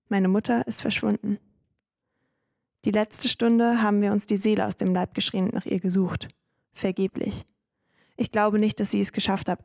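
Gravelly-voiced woman narrating a podcast story. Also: mid-range voice, a little mellow, no echo, studio quality. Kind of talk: scripted first-person story narration.

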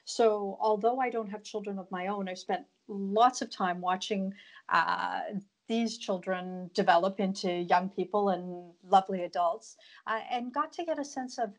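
A middle-aged woman speaks as a podcast guest. Her pitch is average for a woman. She answers in a conversational way, explaining things from her own point of view. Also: normal speed. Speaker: podcast guest, broadcast business host.

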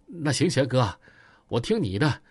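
A man's voice: medium pitch, very animated, normal speed, slightly rough, no room sound, clean studio sound, voice pushed down. A man voicing a cautious, polite ex-con who talks in a pleading, deferential way, with a Northeastern Chinese accent.

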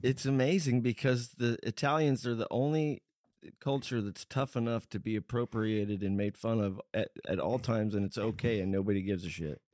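A man's voice: on the low side, normal speed, darkish tone, no room sound, studio quality. A man hosting a podcast in casual chat, with crude, teasing, slangy banter. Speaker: podcast host.

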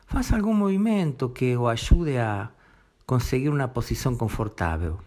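A man leads a guided meditation, gently giving step-by-step instructions in short phrases separated by long pauses. His voice is medium-pitched.

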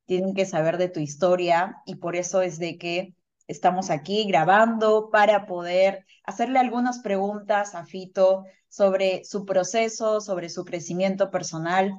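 A woman's voice: medium pitch, steady tone, measured pace, darkish tone, highs cut off. A woman hosting a podcast, upbeat and welcoming as she greets listeners and interviews her guest. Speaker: podcast host.

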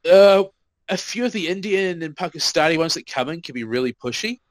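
Fast and expressive, with a fairly high pitch, a podcast co-host tells work anecdotes in a loose chat, performing the quoted lines and swearing freely. There's no room sound, though the audio is rough.

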